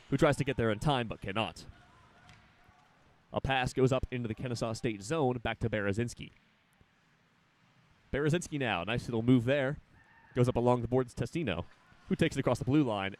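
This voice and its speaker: A young man calls a college hockey game play by play in a quick, running patter. His voice climbs when a shot goes toward the net. He names each pass as it happens. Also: mid-range voice. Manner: rapid, rising excitement on big plays. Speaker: play-by-play announcer. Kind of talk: live hockey play-by-play commentary.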